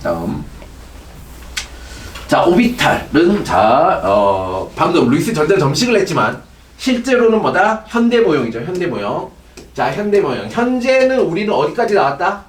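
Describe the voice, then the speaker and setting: A man's voice: a little high, big pitch swings, normal speed, a little hiss or hum. A middle-aged man teaching a chemistry class, lecturing animatedly and checking in with his students constantly. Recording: echoey room, distant mic.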